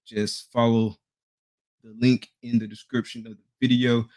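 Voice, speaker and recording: A man's voice: medium pitch, flat delivery, unhurried. A man hosting a live interview stream, greeting viewers by name in slangy, hyped talk before bringing in his guest. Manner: hyped, slangy, shouting out chat names. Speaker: podcast host.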